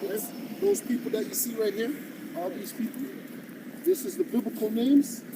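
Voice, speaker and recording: A man's voice: very high-pitched, big pitch swings, normal speed. A man from Jamaica preaching on the street, emphatic and confrontational, firing rhetorical questions. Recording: distant mic, clear street traffic noise.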